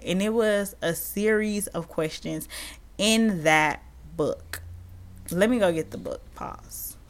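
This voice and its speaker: A woman's voice: on the low side, a bit bright. A woman hosting her own podcast alone, talking casually and encouragingly to her listeners and calling them y'all. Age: adult parent. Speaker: podcast host. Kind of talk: casual solo podcast talk.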